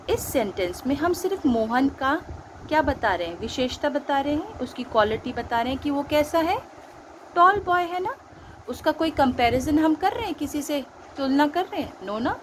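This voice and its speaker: Patient Indian teacher, lively high voice. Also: female voice, background noise. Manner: patient explaining, quizzing pupils, mixing Hindi and English. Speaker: school teacher. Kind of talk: recorded online grammar lesson.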